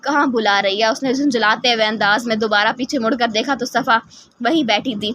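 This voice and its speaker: A woman narrating an audio novel in a steady, plain reading style. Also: on the high side, dry recording. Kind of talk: scripted narration.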